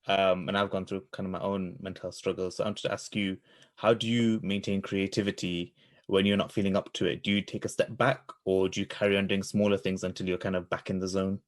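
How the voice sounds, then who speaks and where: A young man in his twenties asks questions in a very low, even voice. His delivery is hesitant, with many small hedges. His tone stays flat throughout. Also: a little fast. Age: 20s. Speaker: panel participant asking questions.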